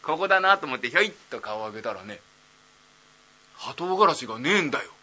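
A man voicing a dim-witted idle young man nearly thirty, rambling slowly in rakugo storytelling. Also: medium pitch, very animated, sharp tone, heavily acted.

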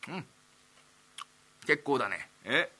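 A man playing a rough-talking Edo townsman who grumbles and teases at a banquet. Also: mid-range voice, sing-song, a little slow, pushed and bright, full character voice. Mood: grumbling. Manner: blunt, teasing, grumbling.

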